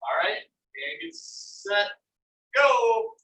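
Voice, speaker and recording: Casting: gym coach type leading a gentle rehab exercise class, encouraging and directive, heard from a distance in a roomy space. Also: medium pitch, a little fast. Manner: encouraging gym coach, calling out counts and urging effort. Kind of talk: coaching a stroke rehab workout. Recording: roomy, distant mic with faint noise.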